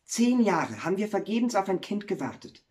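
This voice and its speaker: An earnest miller's wife from a storybook tale, as a male narrator puts her on, her voice lifted higher than his own. She speaks with lively swings of pitch. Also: a little fast. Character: miller's wife, warm-hearted woman.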